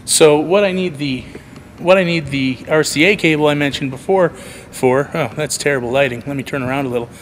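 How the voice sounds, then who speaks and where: A video producer who vlogs walks a handheld camera around an empty church auditorium at night, rambling casually and poking dry fun at himself. His voice is a little high and his delivery brisk. The camera microphone records the large hall's echo and clear background noise.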